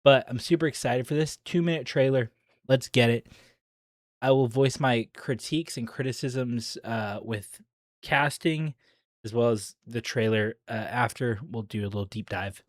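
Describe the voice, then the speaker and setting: A man giving a casual, chatty reaction commentary as an online video creator, excitable and full of ums. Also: medium pitch, normal speed, no room sound, clean studio sound.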